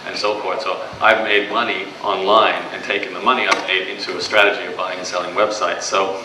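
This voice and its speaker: This young Australian man with a Canadian accent gives a casual, conversational talk to a live audience at a business event, with plenty of fillers and restarts. His voice is deep and flat, moving a little fast. The recording is distant and echoey, with background noise from the room.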